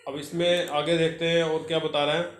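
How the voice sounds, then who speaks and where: A male vocational teacher explains a textbook lesson, reading English lines slowly and then explaining them. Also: fairly high pitch, little pitch movement. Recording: echoey room with faint noise.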